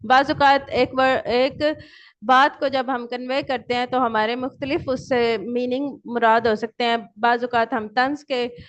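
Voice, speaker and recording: A woman lecturing with a high voice, who keeps posing questions to the class and then answering them herself. She reads each definition at an unhurried pace. The recording sounds dull and lo-fi. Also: fairly even intonation. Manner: switches between English and Urdu; reads English definitions slowly. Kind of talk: online lecture.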